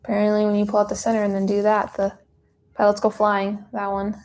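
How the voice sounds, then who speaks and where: Woman chatting through a flower press demo, kinda out of breath, gravelly fry in her voice. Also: medium pitch, completely flat delivery, fairly quick, darkish tone. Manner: chatty, thinking aloud while working. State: a bit out of breath. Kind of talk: casual live demo chat.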